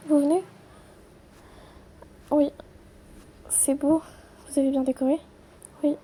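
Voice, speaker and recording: A woman acting out a playful toy role-play, switching quickly between many characters in chatty everyday dialogue. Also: sits high, flat delivery, mellow, a little hiss or hum. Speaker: channel creator voicing every character.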